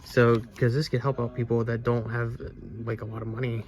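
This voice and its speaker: A man's voice: medium pitch, flat delivery, a little fast, darkish tone. A man hosting a casual video about retro games he has bought, who rambles, stumbles over his words and restarts sentences, and sounds stuffy from allergies. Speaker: game collecting channel host. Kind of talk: casual haul video, reading game back covers aloud.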